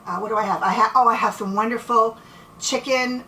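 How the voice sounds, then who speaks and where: Woman host, bright chatty delivery, echoey kitchen, mic set back. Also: on the high side, fairly even intonation, fairly quick, slight background noise. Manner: chatty, friendly, playful with her partner. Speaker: cooking show host. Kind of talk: casual cooking demonstration. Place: home kitchen. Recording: echoey room, mic at a distance.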